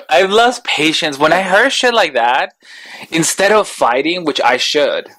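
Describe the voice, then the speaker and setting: A man's voice: fairly high pitch, a little slow, poor audio. Laughing man chatting over lunch. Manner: lively, laughs often, trails off and restarts. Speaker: podcast co-host. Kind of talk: casual chat over lunch.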